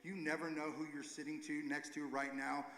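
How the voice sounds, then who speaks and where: A man leading a recovery ministry gives an informal, earnest church talk, halting and correcting himself as he goes. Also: fairly high pitch, level tone, a bit bright. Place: church sanctuary. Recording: echoey hall with long reverb.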